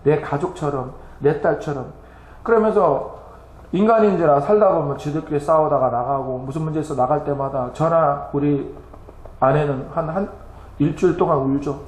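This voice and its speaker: A man giving a missionary report in church, animated, laughing and tearful as he speaks. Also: a little high, moderate pace. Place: church sanctuary. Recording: echoey church hall.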